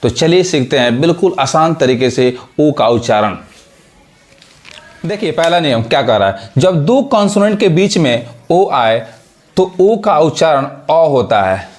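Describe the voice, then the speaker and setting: Teacher, male, fairly high voice, spells words out slowly and checks the class often. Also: big pitch swings. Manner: repeats check questions, spells words letter by letter. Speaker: English teacher. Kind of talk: spoken classroom lesson.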